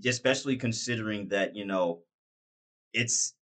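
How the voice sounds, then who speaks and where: Bright-voiced enthusiastic male interviewer. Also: fairly low pitch, normal speed. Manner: rambling, enthusiastic, many restarts. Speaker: interviewer and radio commentator. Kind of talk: casual interview.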